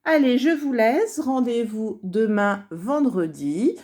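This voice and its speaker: A woman teaching young children a dictation lesson, saying words slowly syllable by syllable and encouraging them as she writes along. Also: on the high side, lively intonation, warm tone. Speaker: primary school teacher.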